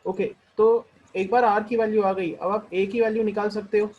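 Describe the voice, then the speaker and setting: A man with an Indian accent teaching a math lesson, working through the steps one at a time and slowing down to read each equation aloud. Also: high-pitched, flat delivery, muffled recording. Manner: explains step by step, mixing Hindi and English; slows down when reading out equations. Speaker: math tutor.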